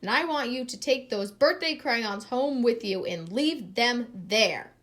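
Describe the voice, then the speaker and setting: A woman plays a stern lady first grade teacher from a storybook, laying down rules in firm commands. The voice is raised and fairly high, with deliberate, emphatic swings. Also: expressive, fairly bright tone. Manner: firm, clipped classroom commands. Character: strict, bossy female first grade teacher.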